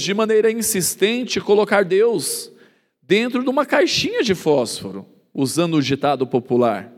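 High, lively-voiced man preaching in a reverberant hall. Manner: emphatic preaching, rhetorical questions, acts out quoted voices. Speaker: pastor. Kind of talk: sermon.

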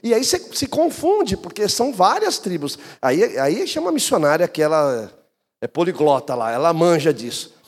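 A male pastor preaches in a sermon. His voice sits high and runs through wide, lively swings, with a husky grain to it. Long reverb from a church hall hangs on every phrase. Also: moderate pace. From Brazil. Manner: animated storytelling, swings between high and low pitch.

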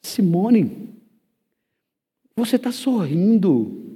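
A man's voice: high-pitched, sing-song, drawn-out words, mellow, husky, long reverb tail, pitched above the performer's own voice, full character voice. A man playing a concerned old-school teacher. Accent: Brazilian Portuguese. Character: caring male seminary professor, calm and concerned.

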